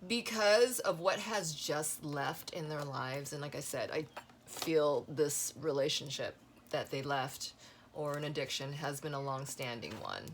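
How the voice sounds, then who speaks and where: A woman's voice: deep voice, measured pace, slight background noise. Rambling woman giving a tarot reading. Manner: rambling, many "you know" fillers. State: losing her voice. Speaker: tarot reader. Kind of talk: casual spoken tarot reading.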